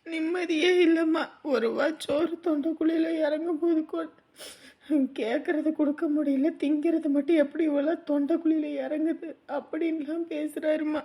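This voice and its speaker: A woman's voice: high-pitched, normal speed, vocal fry. A woman playing a troubled young married daughter, tearful and pleading in a family drama. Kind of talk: village family drama acting.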